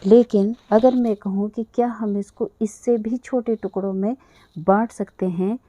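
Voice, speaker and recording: A woman teaching a language lesson to children, patiently spelling out sounds slowly and repeating them. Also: mid-range voice, steady tone, mellow.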